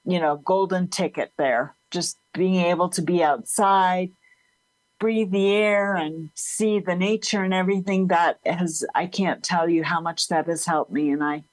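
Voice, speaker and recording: A somewhat low, steady-toned woman speaks a little slowly as an interview guest and support group leader. Casual and talkative, she has a faint slur and laughs readily; the audio is low quality with no echo.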